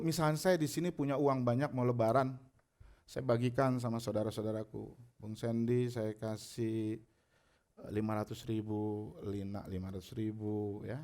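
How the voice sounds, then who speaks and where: A male pastor preaching a conversational sermon, retelling a parable with lively character voices. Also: fairly low pitch, moderate pace. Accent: Indonesian.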